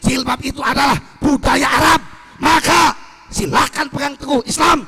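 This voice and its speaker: A man's voice: very high voice, fairly even intonation, moderate pace, gravelly, voice pushed up, exaggerated voice. A man voicing a haranguing male nationalist leader who barks commands at a crowd. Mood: hectoring. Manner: loud, hectoring commands.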